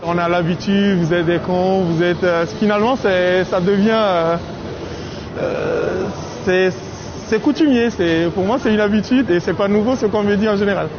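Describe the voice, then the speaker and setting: A man's voice: high voice, normal speed. A man with an accent and rolled r's, a train conductor making playful, jokey announcements and chatting with passengers. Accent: French-speaking accent with rolled r. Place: aboard a moving train. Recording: noisy train carriage, muffled sound.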